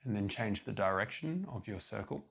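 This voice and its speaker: A man leading a guided yoga class as instructor, giving calm, measured step-by-step cues. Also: fairly low pitch, gravelly, breathy edge.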